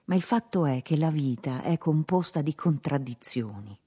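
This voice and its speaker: Calm woman reading a diary aloud. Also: low voice, slightly rough. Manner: measured, reflective reading. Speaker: reader. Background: faint music.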